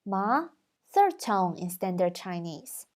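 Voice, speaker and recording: A woman explaining tones clearly. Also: mid-range voice, animated, measured pace, heavy background noise. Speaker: language video host. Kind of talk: scripted educational narration.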